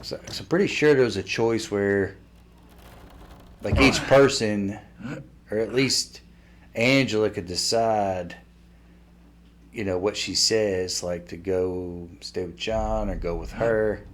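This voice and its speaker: A man giving casual gameplay commentary, thinking out loud and speculating as he plays. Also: lowish voice, takes it slowly, long pauses. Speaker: video game let's player.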